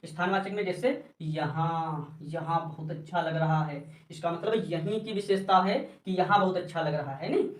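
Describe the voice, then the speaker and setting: A man's voice: fairly high pitch, normal speed, hardly any pauses, recorded from a distance. A male teacher works through a grammar lesson, putting questions to the class and answering them himself. He calls his students child and brother. His voice rings in an echoey room and sounds set back from the mic.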